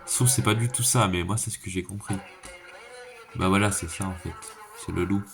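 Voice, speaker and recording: Over music and a clearly noisy background, a man with a deep voice delivers casual reaction commentary at a moderate pace. This reaction video creator is slangy, thinks out loud and says things more than once.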